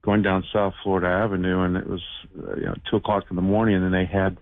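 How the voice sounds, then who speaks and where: Man in his fifties, lowish voice, halting plain-spoken storyteller, thin phone-line sound. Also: little pitch movement, no echo. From United States. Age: 50s. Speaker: radio show call-in guest, shoemaker. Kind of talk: casual personal storytelling. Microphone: telephone. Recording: muffled band-limited phone call.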